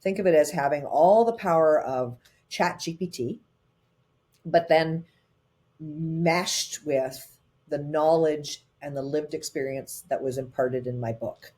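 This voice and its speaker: Speaking with a low-pitched voice, a guest who works as a tech advisor recounts her story animatedly. Her pace often quickens into fast bursts, and she frequently drops fillers like "um" and "uh" between phrases.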